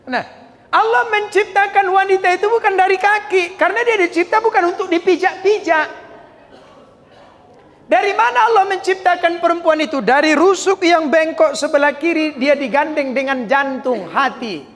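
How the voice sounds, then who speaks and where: A man with a Medan accent preaches a joking sermon, telling lively stories and slipping into characters. His voice sits high for a man. It rings with the long reverb of a large mosque hall. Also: moderate pace. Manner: joking, animated storytelling, acts out characters. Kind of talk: humorous sermon.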